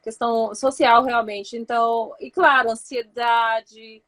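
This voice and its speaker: Woman, fairly high voice, guest on a live chat, hesitant, full of fillers. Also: steady tone, slow, fairly bright tone. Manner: hesitant, lots of fillers and repeated "né".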